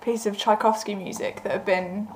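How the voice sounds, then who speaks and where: A woman's voice: mid-range voice, steady tone, moderate pace, rough recording. A woman chatting casually as a co-presenter about events. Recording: faint background noise and room ambience.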